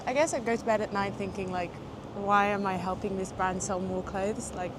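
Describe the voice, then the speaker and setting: A woman's voice: medium pitch, steady tone, normal speed. A young woman from Portugal, French by first language, speaking English with a British-tinged accent in a casual street interview, chatty and hesitant with lots of fillers. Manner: chatty, hesitant with frequent fillers and small laughs. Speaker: interviewee, graduate student. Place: outdoors on a city street, traffic behind. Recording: outdoor street noise.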